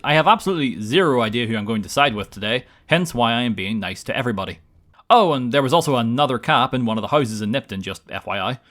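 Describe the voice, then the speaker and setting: A man's voice: mid-range voice, expressive, quick pace, a bit bright. A man narrating gameplay from a script in a wry, casual, tongue-in-cheek manner. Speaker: gaming video narrator.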